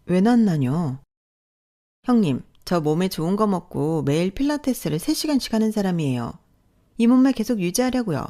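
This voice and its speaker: A woman doing a vain young wife with a sharp tongue, snippy and scornful in every word. The voice is pushed up higher than a plain speaking voice, as in a told story. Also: animated, normal speed, lightly acted. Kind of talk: storytelling role-play.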